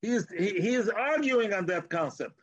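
A man teaches religion in a high-pitched voice with a Yiddish-inflected accent. He argues through rhetorical questions and repeats words as he builds each point. The sound is dry and slightly dull. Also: animated, normal speed, no echo. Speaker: Torah teacher. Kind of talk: informal religious lecture.

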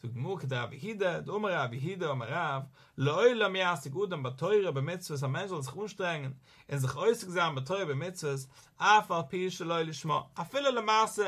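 High, sharp-voiced man teaching a Torah lesson. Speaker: religious teacher.

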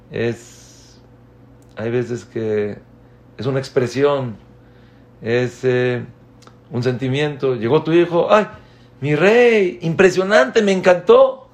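A man gives a community lecture on raising children. His voice is gravelly and his delivery slow and measured, and he often turns to his listeners with questions. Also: fairly low pitch, darkish tone, slight background noise. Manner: slow, deliberate, addresses the audience with questions. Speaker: speaker giving a parenting talk.

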